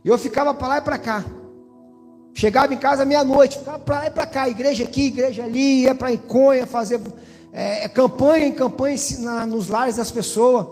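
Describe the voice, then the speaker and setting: High-voiced man giving church testimony. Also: fairly even intonation, fairly quick, darkish tone. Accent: Brazilian Portuguese, Espírito Santo. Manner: preacher-like, addresses pastor and congregation directly. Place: church hall. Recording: church hall reverb with faint music.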